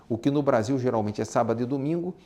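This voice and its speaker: Speaking quickly in a dark-toned, medium-pitched voice, the instructor with a Brazilian accent gives a casual talk on business and exporting, driving points home through repetition and rhetorical questions.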